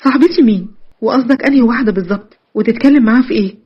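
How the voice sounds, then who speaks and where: Woman doing a bossy teasing egyptian girlfriend, fast talker, husky, dull lo-fi recording. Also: fairly high pitch. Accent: Egyptian Arabic. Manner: teasing, brisk, commanding. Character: witty, bossy young woman, protective best friend.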